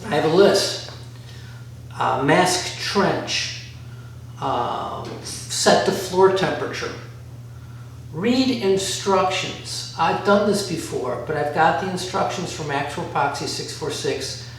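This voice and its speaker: A man's voice: a little high, lively intonation, slow pace. Man, casual how-to narration, rambling and thinking aloud, heavily echoing bare room, faint background noise. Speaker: DIY vlogger. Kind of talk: casual instructional walk-through. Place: bare concrete-floored workshop room by a garage. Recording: very echoey room, distant mic, faint noise.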